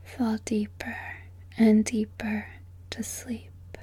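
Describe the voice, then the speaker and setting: Woman, breathy whisper, very slow and flat, soothing repetitive sleep-hypnosis read. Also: fairly high pitch, no room sound.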